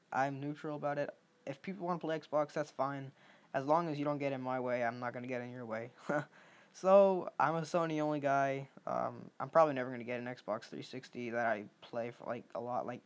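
Young man, gaming video commentary, rambling, casual, lots of filler. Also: mid-range voice. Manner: rambling, many ums and restarts. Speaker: gaming YouTuber.

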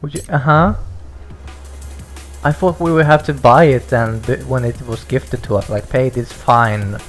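A young man hosting a racing game let's-play, excitable and stammering, laughing and swearing as he reacts. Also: medium pitch, unhurried, soft background music. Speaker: gaming channel host.

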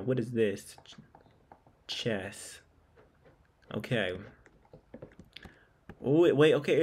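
A man's voice: mid-range voice, darkish tone. A man chatting casually through a mystery game as a gaming YouTuber, repeating himself as he plays. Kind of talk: casual gameplay commentary.

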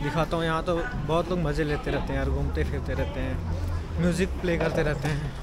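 A young Indian man with a slightly high, steady voice talks fast as he films himself walking through a city market and streets, chatting casually to viewers he calls brothers. Loud music and a noisy crowd sit behind his travel-vlog narration, and the handheld recording picks up plenty of street noise.

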